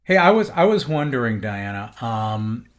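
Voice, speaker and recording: A man's voice: mid-range voice, sing-song, normal speed, slight background noise. A man hosting a podcast interview, asking long rambling questions with fillers. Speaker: podcast host.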